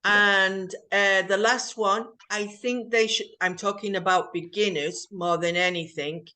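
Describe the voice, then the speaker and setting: A woman hosting an English conversation lesson, explaining earnestly and deliberately. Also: medium pitch, steady tone, sharp tone. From north. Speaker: host and English teacher.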